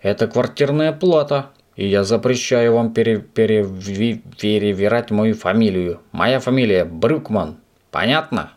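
A man voicing an angry, loud middle-aged landlady who scolds her lodger. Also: animated, fairly quick, few pauses, lightly acted. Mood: indignant. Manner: shrill, scolding, indignant.

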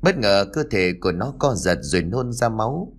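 A man's voice: on the low side, moderate pace. A man narrating a ghost story in a scripted, dramatic storytelling manner. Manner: expressive storytelling, dramatic rise and fall.

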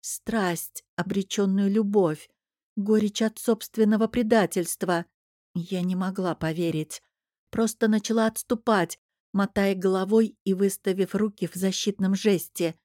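A woman narrating a romance novel in the first person with an even, measured reading. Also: medium pitch, no echo, studio quality. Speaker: audiobook narrator.

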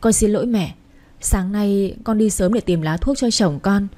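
A woman's voice: mid-range voice, moderate pace, mellow, lightly acted. A woman voicing a meek young daughter-in-law who speaks humbly and apologetically in a storybook reading. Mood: apologetic. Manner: humble and pleading.

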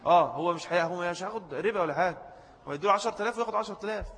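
Fast-talking Egyptian man teaching in a reverberant hall. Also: high voice, fairly bright tone. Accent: Egyptian Arabic. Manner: explanatory, repeats key points, answers student questions. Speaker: religious teacher. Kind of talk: jurisprudence lesson.

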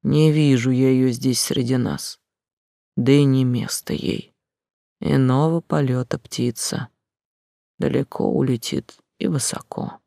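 A reader voicing an old, half-blind village woman who mutters eerie predictions slowly and quietly, in a dry close recording. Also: fairly even intonation, gravelly, no room sound. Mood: ominous mumbling. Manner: slow, low mumbling.

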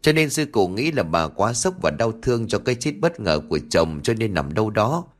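A man's voice: lowish voice, big pitch swings, fairly quick. A man voicing a worried young man asking an elder for help, in a storybook narration. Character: anxious young man looking for his mother.

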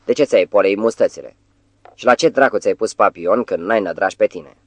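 Brief: audiobook, man as a lordly devil, deep and gravelly, commanding, dry close sound. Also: no room sound. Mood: mock scolding. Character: imposing, mocking old devilish master.

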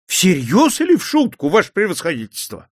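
A man's voice: high voice, a little fast, no room sound, studio quality, voice pushed up, full character voice. Man voicing a grumpy old millionaire merchant. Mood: worried. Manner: grumbling, lively.

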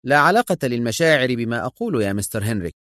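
A man voicing a composed male secret agent hero in an audiobook, speaking calmly and firmly. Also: medium pitch, a little fast, dry recording, studio quality, voice pushed up, natural voice. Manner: calm, firm, controlled.

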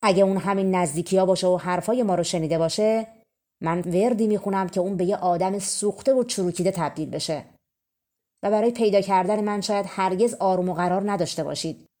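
A menacing fairy-tale ogress, put on by a woman reading aloud, roaring her accusations in a voice louder and a touch higher than the reader's own. Under the bluster the tone stays warm and low. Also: lively intonation. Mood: threatening. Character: menacing female ogress, sly and threatening.

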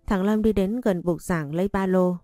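A woman narrating a first-person story in an even, unhurried reading voice. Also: on the low side, no echo, faint music behind.

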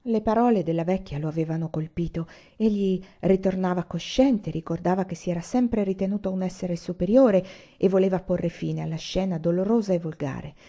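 A woman narrates a classic novel in a measured, expressive reading. Her voice is mellow and warm at a middle pitch. The recording sounds dull and lo-fi. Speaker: audiobook reader. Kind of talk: scripted narration.

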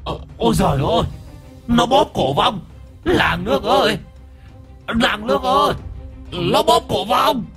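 A man's voice: very high-pitched, expressive, measured pace, long pauses, fairly bright tone, faint music behind, voice pushed up, full character voice. A man voicing a frightened male ghost that wails and begs in a ghost story. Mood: wailing panic. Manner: wailing, begging.

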